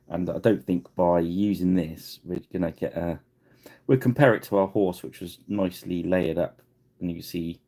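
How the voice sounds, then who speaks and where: Male livestream painting host, deep gravelly voice, rambling and chatty. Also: warm tone. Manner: rambling, chatty, laughs at himself. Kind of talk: casual live painting tutorial.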